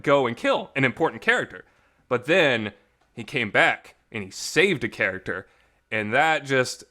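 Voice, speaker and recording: Recorded at home with noticeable reverb, this man hosts a visual novel review show and delivers an unscripted, casual review. He sounds medium-pitched, bright and forceful, speaking with emotion and emphasis and swearing mildly now and then.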